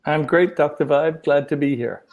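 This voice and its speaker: A middle-aged man from Wales, a relationship coach, giving thoughtful interview answers with many pauses and restarts. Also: on the high side, narrow, tinny audio.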